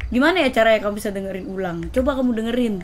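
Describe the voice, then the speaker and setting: A woman in a game roleplay, calmly lecturing and scolding a friend. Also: on the high side, rapid-fire. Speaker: roleplay gamer. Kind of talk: in-character game roleplay chat.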